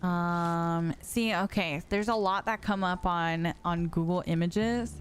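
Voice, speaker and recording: With background music playing, a woman streamer in her late twenties games and reads out her viewers' messages, responding casually. She speaks slowly in a fairly low pitch, with slight background noise.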